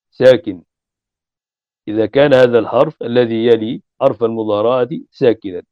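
A man's voice: medium pitch, a little mellow, no echo. A man teaching a lesson, explaining step by step, repeating his examples and asking rhetorical questions. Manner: chants verse lines slowly. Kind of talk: classroom lesson on Arabic morphology. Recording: dull, muffled lo-fi recording.

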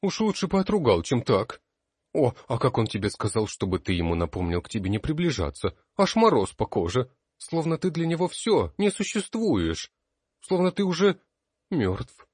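A man's voice: medium pitch, very animated, normal speed, husky, dry recording, studio quality, voice pushed up. A man voicing a gloomy young male student in an audiobook, speaking darkly and ominously. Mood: grim. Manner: dark, ominous telling. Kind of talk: audiobook character voice.

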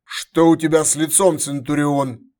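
A man voicing a stern, commanding middle-aged emperor who gives curt, measured orders. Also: a little high, flat delivery, a little mellow, natural voice.

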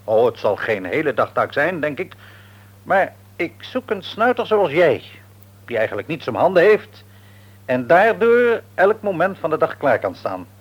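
Heavily acted in a slightly high, sing-song, somewhat rough voice, this Dutch radio-play character is a middle-aged businessman father, outwardly cheerful yet secretly controlling, shrewd, and patronising. The actor, with a Netherlands accent, speaks a little slowly, sounding wordy, probing, brisk, and businesslike.

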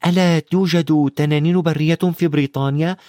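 A man's voice: on the high side, steady tone, fairly quick, dark tone, no room sound, studio quality, voice pushed up, close to an everyday voice. A man voicing an earnest young boy wizard in a storybook reading, speaking plainly.

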